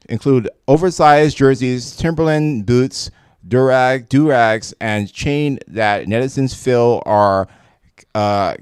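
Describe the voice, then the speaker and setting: A man's voice: medium pitch, smooth, no room sound, clean studio sound. A man hosting a live stream, reading news articles aloud in a casual way, stumbling over words and correcting himself with asides. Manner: reads haltingly with self-corrections and asides.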